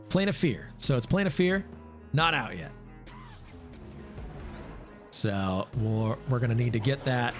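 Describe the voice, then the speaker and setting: Man game streamer, loose off-the-cuff chat with chat replies, mid pitch, music behind. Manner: casual, thinks aloud and answers chat, many fillers. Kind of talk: live gameplay commentary.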